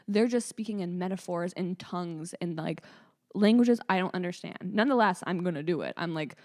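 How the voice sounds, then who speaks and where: A woman's voice: on the low side, brisk. A young woman co-hosting a podcast, chatting casually and telling a story with lots of swearing and acted-out voices. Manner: animated storyteller, swears freely, acts out voices. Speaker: podcast co-host. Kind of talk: casual chat.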